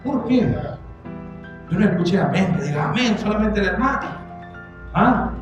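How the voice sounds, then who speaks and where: A man's voice: high voice, expressive, moderate pace, muffled recording. A man preaching a sermon as pastor, emphatic, repeating his points and calling out to the congregation. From Venezuela. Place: church. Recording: echoey church hall with music behind.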